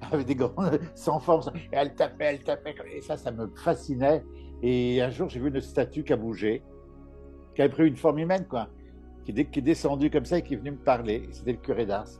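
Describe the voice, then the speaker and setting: The speaker is a middle-aged man from Paris, a medium and author being interviewed casually, who spins life stories with frequent laughter and many restarts. His medium-pitched voice is mellow and a little fast, with faint music behind.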